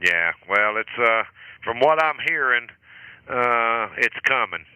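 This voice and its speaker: Bright-voiced ham radio net host. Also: male voice, medium pitch, slow, slight background noise, low-quality recording. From southern United States. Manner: relaxed, chuckling, calls out call signs. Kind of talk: casual on-air radio chat. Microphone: station microphone.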